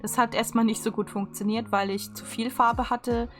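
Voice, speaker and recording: A woman's voice: on the high side, flat delivery, moderate pace. Woman casually narrating over music. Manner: chatty, unscripted narration. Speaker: video creator. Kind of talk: casual craft tutorial voice-over. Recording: music behind the voice. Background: instrumental music.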